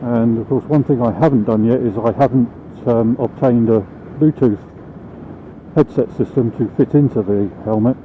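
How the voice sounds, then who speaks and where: A man's voice: medium pitch, moderate pace. A British man chatting casually as he rides a motorbike, vlogging from inside his helmet. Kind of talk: casual vlog monologue while riding. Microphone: small microphone mounted inside the helmet. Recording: phone-like helmet microphone, clear vehicle noise. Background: vehicle and road noise.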